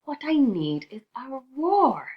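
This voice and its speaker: A woman voicing a tiny, timid male mouse in a storybook reading, earnest and squeaky. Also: sing-song, moderate pace, lo-fi sound. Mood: excited. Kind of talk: storybook read-aloud.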